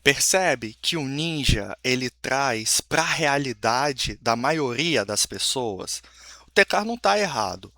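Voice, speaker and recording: A man's voice: mid-range voice, lively intonation, slow pace, sharp tone, no echo. A Brazilian man with a Brazilian Portuguese accent giving casual, reflective commentary to his channel, swearing freely and correcting himself as he talks. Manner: informal, swearing, self-correcting. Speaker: video creator.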